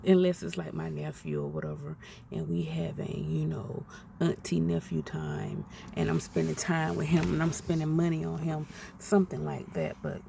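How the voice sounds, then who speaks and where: This podcast commentator, a woman in her 40s, delivers an outspoken, foul-mouthed opinion rant. She speaks with a warm, gravelly, fairly low voice. Background noise is present, and she sounds distant from the microphone.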